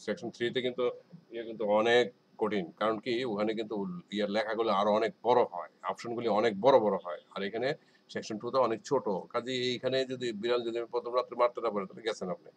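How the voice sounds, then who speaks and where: A man's voice: fairly low pitch, slight background noise, poor audio. A man teaching an exam listening lesson in a casual, rambling way, full of hesitations and repeated filler words. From Bangladesh. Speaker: IELTS teacher.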